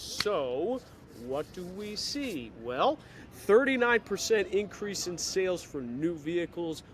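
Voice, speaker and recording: A man with a Chicago accent giving a chatty, energetic video update on dealer advertising, recorded in an airport terminal. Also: sits high, slight background noise. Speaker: digital marketing consultant for auto dealers.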